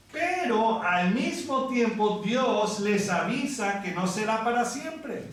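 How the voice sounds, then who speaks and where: Slow, high-voiced pastor from Venezuela. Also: male voice, a bit bright. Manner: unhurried, conversational, sings scripture passages. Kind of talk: sermon. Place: church hall. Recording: echoey room from far off.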